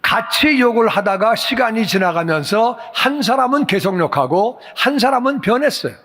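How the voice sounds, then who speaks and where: Pastor guy preaching, really animated, swings his voice around, echoey church hall. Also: very high voice, normal speed. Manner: animated, acts out dialogue with raised voice. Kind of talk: sermon. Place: church sanctuary.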